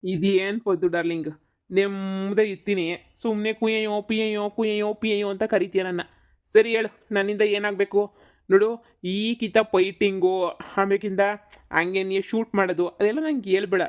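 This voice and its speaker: A man's voice: high voice, fairly even intonation, normal speed, natural voice. A man voicing a laid-back, teasing male ghost in a cartoon, who calls his friend darling.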